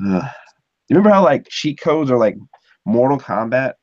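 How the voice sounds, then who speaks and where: A man's voice: medium pitch, very animated, normal speed, a little mellow, dry recording. A man from Ohio chatting casually as a podcast host, rambling with lots of fillers. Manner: rambling, filler-heavy, chuckling. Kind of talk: casual chat. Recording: dull muffled sound.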